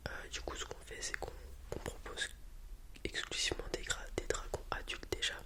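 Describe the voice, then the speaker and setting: Someone improvises an ASMR scene as a helpful dragon breeder, whispering breathily and softly to a customer. The explaining comes out hesitantly, broken by frequent pauses and repetitions.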